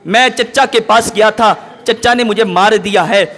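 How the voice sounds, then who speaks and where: A man's voice: sits high, a bit bright. A man voicing an earnest orphan boy. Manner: earnest, pleading. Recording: long hall reverb.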